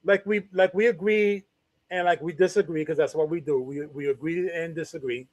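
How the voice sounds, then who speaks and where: High-voiced, laid-back man co-hosting. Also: steady tone, normal speed, dry recording. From New York, USA. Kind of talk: casual talk show discussion.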